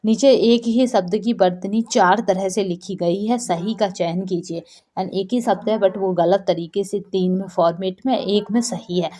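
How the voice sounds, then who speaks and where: Female teacher, warm mellow tone, walks through answers by asking and answering her own questions. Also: medium pitch, fairly even intonation, unhurried. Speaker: Hindi teacher. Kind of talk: exam-prep lesson.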